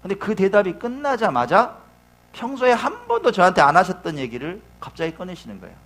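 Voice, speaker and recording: A middle-aged man preaching a sermon as pastor, telling a story with emotion, moving between hushed and loud passages. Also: high voice, huge pitch swings, brisk.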